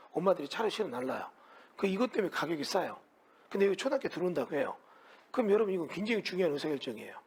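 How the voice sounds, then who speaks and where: Animated husky male real estate lecturer. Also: high-pitched. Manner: animated, asks students many rhetorical questions. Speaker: real estate law instructor. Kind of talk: lecture to students.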